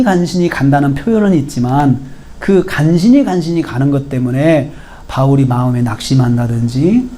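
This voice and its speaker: A male pastor preaching an expository sermon, building to emphatic, stressed peaks and then dropping to soft near-whispers. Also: medium pitch, slight background noise.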